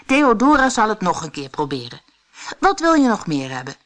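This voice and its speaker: A woman voicing a cheerful, eager little male forest creature in a storybook, in a high, excited voice. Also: moderate pace, natural voice. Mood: urgent. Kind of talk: audiobook character voice.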